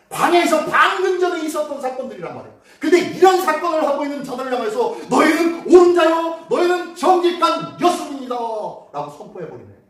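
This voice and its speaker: A male pastor preaching a Sunday sermon, telling the story in a lively way and asking the congregation questions. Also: very high-pitched, recorded from a distance. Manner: animated storytelling, acts out quotes and asks the congregation questions. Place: church sanctuary. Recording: very echoey hall, voice from afar.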